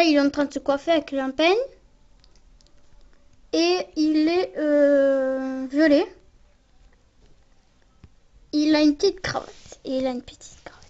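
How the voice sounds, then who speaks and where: A woman casually showing and describing a toy as she handles it, often ending phrases with a quick tag. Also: sits high, a little mellow, highs cut off. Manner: talks while handling items, often ends phrases with a tag "hein". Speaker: toy reviewer. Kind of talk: casual unboxing and show-and-tell.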